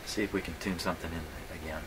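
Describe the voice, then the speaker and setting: A deep-voiced man fires off his words rapidly in a steady tone while narrating radio repairs. As a hobbyist and host in an indoor electronics workshop, he thinks aloud casually, musing and making wry jokes at his own expense. Clear audio carries workshop background noise.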